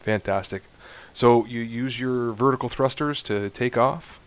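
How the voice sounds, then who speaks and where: A man narrating a space game walkthrough, explaining steps to viewers in a chatty, instructive way and getting excited at times. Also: mid-range voice, unhurried. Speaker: gaming YouTuber. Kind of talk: let's play walkthrough commentary.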